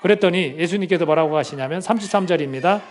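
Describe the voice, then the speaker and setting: High-pitched guy pastor preaching, asks the church questions, reads verses with them. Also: fast talker, a little hiss or hum. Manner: acts out quoted speech in dramatic bursts. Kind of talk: sermon.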